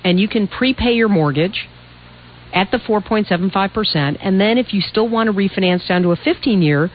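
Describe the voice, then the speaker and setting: Female talk-radio adviser, medium pitch, direct and explanatory, slightly muted sound. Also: fairly quick, muffled recording. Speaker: radio call-in host, financial adviser. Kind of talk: conversational advice on live radio.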